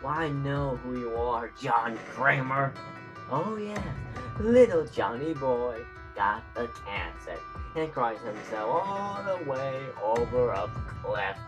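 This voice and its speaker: A man playing a defiant, mocking psychopathic killer in a horror audio drama, with a drawn-out delivery. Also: medium pitch, expressive. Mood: scornful, angry. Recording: voice under loud music.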